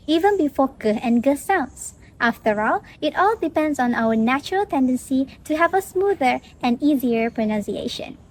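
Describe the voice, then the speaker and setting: A young woman student presents a scripted lesson on English pronunciation, explaining things carefully. Her voice is high-pitched and the recording is rough.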